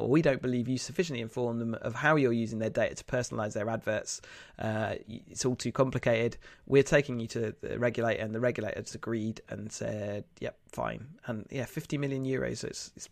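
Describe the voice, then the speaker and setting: A man's voice: medium pitch, gravelly, dry recording, clean studio sound. Nasal, congested man hosting a podcast. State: bunged up with a cold. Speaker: podcast host. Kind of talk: casual news discussion podcast.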